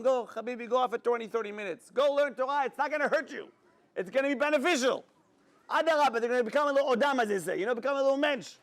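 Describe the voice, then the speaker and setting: A man giving a sermon as a rabbi, an animated storyteller who talks straight to his audience. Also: extremely high pitch. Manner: animated storyteller, acts out dialogue, addresses audience directly.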